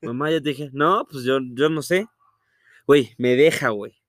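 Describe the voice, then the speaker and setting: A man's voice: medium pitch, normal speed, dry recording. A young man with a Mexican Spanish accent, co-hosting a casual podcast chat and mimicking his mother in a slangy way. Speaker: podcast co-host.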